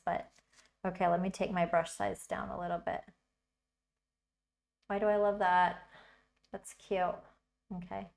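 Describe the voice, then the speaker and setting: A woman talks through her work in a casual livestream tutorial, thinking aloud as she goes. Her voice sits at a medium pitch, chatty and easygoing, with frequent bursts of delight. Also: vocal fry, darkish tone. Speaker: livestream host teaching digital art.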